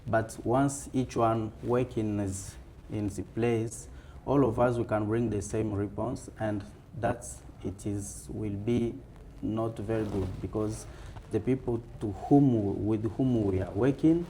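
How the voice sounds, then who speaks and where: An African-accented man gives interview answers in a fireside chat. His voice is low and soft-edged, and he speaks slowly and deliberately, with pauses. Faint room noise sits behind him. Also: steady tone. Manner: halting, deliberate.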